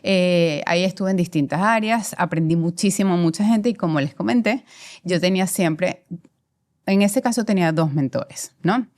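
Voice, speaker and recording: Her voice is fairly low and a little mellow, and she keeps a moderate pace: a Venezuelan-accented commercial director in her forties, appearing as an interview guest. She tells her career story thoughtfully, with many fillers along the way.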